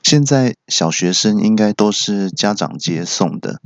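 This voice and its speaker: Deadpan low-voiced man. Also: a little slow, no echo, dull audio. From Taiwan. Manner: deadpan self-mocking storytelling. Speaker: podcast host. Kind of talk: comedy monologue.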